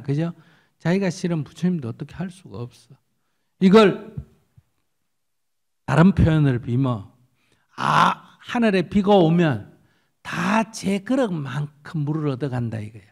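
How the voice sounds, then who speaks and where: A man, a Buddhist monk answering questions in an animated, storytelling way. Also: on the high side, creaky. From South Korean countryside. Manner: animated storytelling, acts out quotes, rhetorical questions. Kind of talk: lively spoken dharma Q&A.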